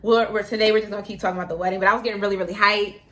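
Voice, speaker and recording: A woman's voice: medium pitch, fairly even intonation, racing, fairly bright tone. A woman co-hosting a casual chat show, talking in a chatty, effusive way and calling her viewers "y'all". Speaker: co-host.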